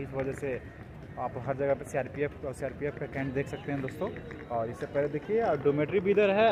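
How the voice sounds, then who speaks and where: A young man vlogging a train journey and a railway station into his phone, chatty and calling his viewers friends again and again. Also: on the high side. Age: young adult. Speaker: travel vlogger. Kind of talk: casual travel vlog to camera. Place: inside a train, then outdoors at a busy railway station. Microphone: phone camera held at arm's length. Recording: loud background noise from a moving train and station. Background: loud train and station noise.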